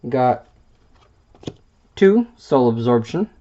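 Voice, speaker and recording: A man's voice: medium pitch, very animated, drawn-out words, mellow. A man with a mid-range voice reads card game rules aloud for a deck presentation. He stumbles over the wording, corrects himself and fills gaps with little hesitations. The sound is a bit dull and lo-fi, as from a simple home microphone. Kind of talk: reading card text aloud.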